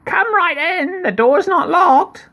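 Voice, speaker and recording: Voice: extremely high pitch, animated, takes it slowly, a bit bright, pitched above the performer's own voice, full character voice. A parent doing the Big Bad Wolf in granny voice. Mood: sweet. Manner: sweet, coaxing old lady put-on. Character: sly hungry wolf faking a granny voice.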